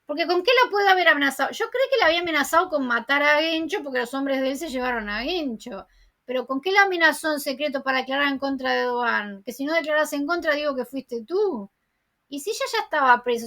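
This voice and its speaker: High-voiced woman recapping a series. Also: fairly bright tone. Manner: chatty plot retelling, strings lines together with "entonces" and "o sea". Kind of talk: casual episode recap.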